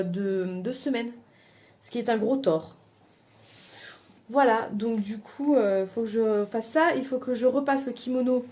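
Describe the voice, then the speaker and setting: Very mellow Frenchwoman chatting casually. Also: a little high, husky. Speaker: vlogger. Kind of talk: casual chatty vlog about daily chores.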